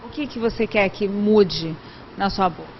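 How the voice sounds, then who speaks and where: A woman's voice: mid-range voice, measured pace, slight background noise. A woman with a Brazilian accent presenting and reporting in the style of scripted television news. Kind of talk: scripted TV news narration and interviewing. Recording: dull sound with music behind.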